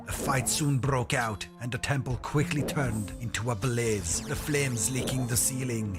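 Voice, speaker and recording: Brief: a dwarf survivor with a Scottish burr, played by a male narrator, slow, dark storybook telling over a music bed. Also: lowish voice. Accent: Scottish, put on. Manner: slow, grave storybook reading. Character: dwarf survivor recounting a temple massacre.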